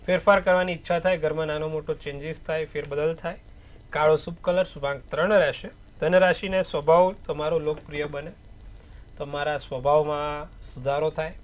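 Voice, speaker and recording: A man with a high voice gives a daily horoscope and tarot reading. He advises in repetitive, proverb-like phrases. His loudness rises and falls, with emphatic bursts on key words. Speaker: astrologer.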